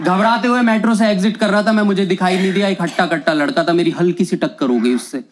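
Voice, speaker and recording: A young man performing stand-up comedy, telling a story in an animated way and acting out the quoted lines. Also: high-pitched, fast talker. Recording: loud background noise.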